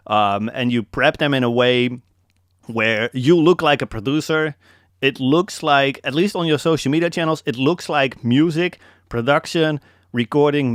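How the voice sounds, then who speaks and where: With a mid-range voice and a Dutch accent, a young man from the Netherlands runs a casual live coaching call, stressing his key points over and over and calling his listeners "man." The recording is studio quality, with no room sound.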